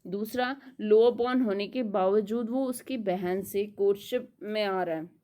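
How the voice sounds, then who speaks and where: Woman teaching in slow, mixed Hindi-English. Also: mid-range voice, dark tone. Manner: explains in Hindi, reads English summary lines slowly; asks and answers her own questions. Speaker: literature teacher. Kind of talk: exam-prep lecture.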